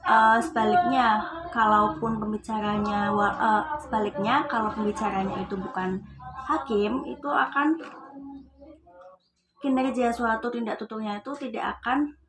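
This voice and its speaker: A woman's voice: fairly high pitch, fairly even intonation, moderate pace, a crowd in the background, low-quality recording. A young female student from Indonesia with an Indonesian accent, giving a class presentation. She reads English definitions and then explains them in casual, chatty terms. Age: young adult.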